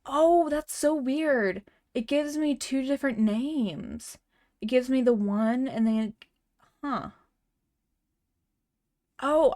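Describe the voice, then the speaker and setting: A woman streamer with a slightly high, slightly mellow voice chats casually with her viewers, reading chat messages and a story aloud. She stutters often, restarts words and laughs now and then. The recording is dry, with clean studio sound.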